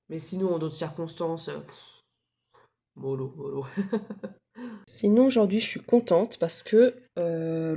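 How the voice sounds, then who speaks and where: A chatty, candid woman in her thirties with a lowish voice, talking in a casual, confiding way for her vlog. She fills her speech with frequent fillers and soft laughs.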